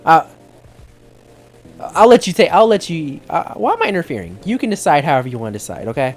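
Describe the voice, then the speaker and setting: A woman's voice: sits low, big pitch swings, a little fast, darkish tone, faint music behind. A woman streaming and chatting casually with her co-host and viewers. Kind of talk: casual live stream chat.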